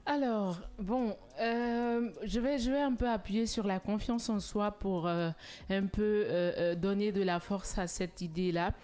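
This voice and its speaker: A woman co-hosting a studio talk show, speaking in an earnest, motivational way and growing animated when telling anecdotes. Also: medium pitch, unhurried. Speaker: TV show co-host.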